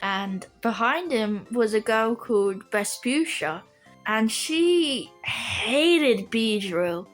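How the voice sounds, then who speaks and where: High-voiced woman rambling through a story. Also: slow pace, faint music behind. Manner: rambling, animated, acts out other voices. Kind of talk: casual spoken storytelling.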